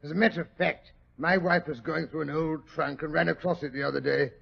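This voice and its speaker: An actor playing a jovial, blustery old English doctor with a British accent and fussy, old-fashioned manner, in 1940s radio drama style. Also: male voice, on the high side, fairly even intonation, fairly quick, creaky, breathy edge, full character voice. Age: older. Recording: dull, lo-fi 1940s radio recording.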